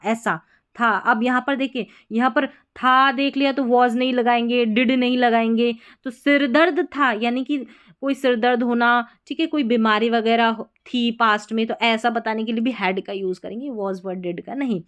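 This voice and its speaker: A woman teaching English grammar in a patient, explaining way, repeating key points and reading example sentences out slowly. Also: on the high side, a bit bright, smooth.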